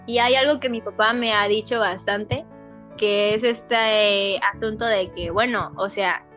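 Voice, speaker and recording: Young Mexican woman, podcast guest; animated, expressive storyteller. Muffled lo-fi audio with a faint music bed. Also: medium pitch, measured pace. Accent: Mexican Spanish. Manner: animated and expressive, acts out quotes. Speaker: podcast guest, singer and dubber. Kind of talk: casual chat. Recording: dull lo-fi sound, faint music.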